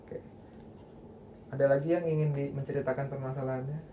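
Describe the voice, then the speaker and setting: A man's voice: mid-range voice, flat delivery, a little fast, warm tone. A young man facilitating a group counselling session with casual, conversational guidance. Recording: faint background noise.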